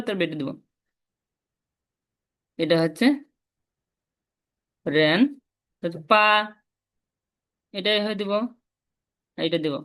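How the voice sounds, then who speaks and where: A woman with a Bangladeshi Bengali accent giving a casual spoken lesson, explaining step by step and repeating syllables slowly. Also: mid-range voice. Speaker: Chinese language teacher.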